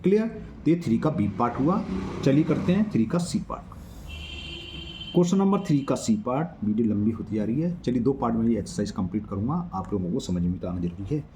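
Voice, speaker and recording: A man's voice: mid-range voice, warm tone, a little hiss or hum. A man teaching a maths exercise to children, patiently counting digits aloud and checking that they follow.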